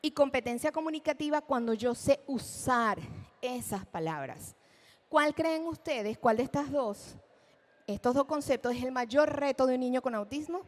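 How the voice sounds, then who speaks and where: A woman giving a lecture at a live event, animated, asking the audience questions and acting out examples. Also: normal speed. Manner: acts out children's speech in a high voice. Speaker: speech therapist giving a talk. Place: event hall.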